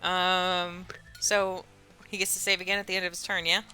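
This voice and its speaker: A woman's voice: lowish voice, level tone, moderate pace, pushed and bright, smooth, faint music behind. A woman running a tabletop game as dungeon master, laughing often as she narrates and rules.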